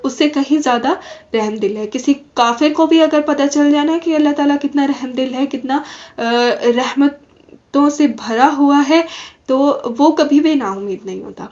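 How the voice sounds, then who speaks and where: A woman teaching a Quran commentary class, explaining slowly and asking questions that she then answers herself. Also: high-pitched, a little mellow, highs cut off. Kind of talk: recorded religious lesson.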